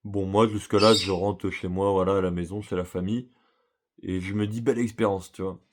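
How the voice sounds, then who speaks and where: A man's voice: low voice, flat delivery, brisk. A man telling a personal story in a casual, slangy way, talking straight to the listener. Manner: slangy, chatty, addresses listener directly. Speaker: vlogger.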